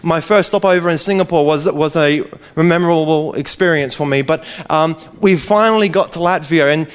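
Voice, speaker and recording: A man's voice: on the high side, moderate pace, smooth. A man, a preacher telling a personal testimony in an earnest, conversational way, often restarting his phrases.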